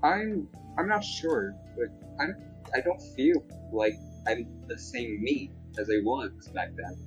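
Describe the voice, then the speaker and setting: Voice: mid-range voice, animated, slow, soft background music. A player voicing a regretful retired male celebrity who stammers and hesitates. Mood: hesitant regret.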